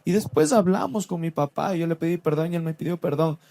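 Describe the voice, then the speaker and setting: High-voiced man telling a story. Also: fast talker, vocal fry. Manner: animated, acts out quoted voices. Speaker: church podcast co-host. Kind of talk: casual storytelling testimony.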